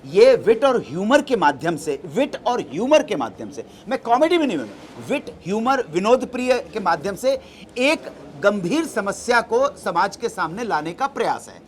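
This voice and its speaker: A middle-aged man at a press event, answering reporters' questions in a deliberate, explanatory way and dropping English terms into his answers. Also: high voice, very animated, a little hiss or hum.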